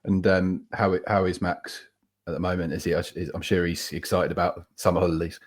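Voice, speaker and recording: Deep-voiced man with a Norfolk accent. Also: flat delivery, fairly quick. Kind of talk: casual joking chat.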